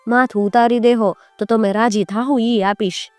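A woman's voice: a little high, fairly even intonation, normal speed, dry recording, soft background music, voice pushed up, close to an everyday voice. A woman doing a weary ruined merchant. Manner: tired, pleading. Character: weary ruined young male foreign merchant.

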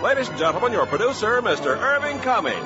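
Animated 1950s radio announcer man, high-pitched. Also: fast, over loud music. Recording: muffled, hissy 1950s radio recording.

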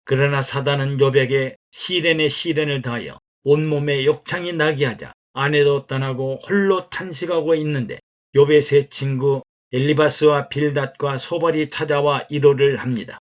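A man, a pastor, reading a sermon that retells stories, in a measured, steady way. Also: fairly high pitch. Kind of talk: read sermon narration.

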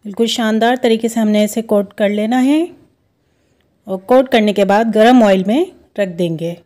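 A woman hosting a home cooking video, explaining each step of a recipe in a steady, instructive way. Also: medium pitch, normal speed. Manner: steady, instructive, repeats steps. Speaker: cooking show host. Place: home kitchen.

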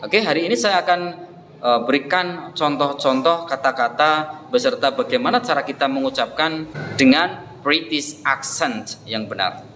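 A man teaching English pronunciation, repeating each example word slowly and deliberately. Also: mid-range voice, pushed and bright, a little hiss or hum. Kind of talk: pronunciation lesson. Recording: echoey room with faint ambience.

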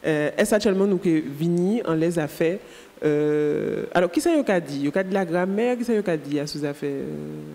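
Hesitant presenter, off-mic in a hall. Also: male voice, on the high side, normal speed, creaky, a little mellow. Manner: hesitant, many fillers, questions the teacher. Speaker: radio presenter. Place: school canteen hall.

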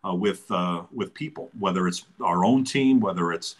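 A man in his sixties talking in a relaxed, thoughtful way as an interview guest, pausing often with fillers. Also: sits low. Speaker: interview guest, business founder. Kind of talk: casual conversational interview.

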